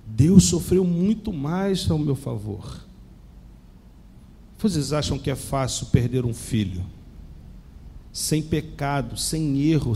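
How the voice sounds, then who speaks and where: A man in his forties with a Rio de Janeiro accent, preaching a sermon and telling his own testimony with emphatic pauses and direct questions to the congregation. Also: on the high side, dark tone. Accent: Brazilian Portuguese, Rio de Janeiro.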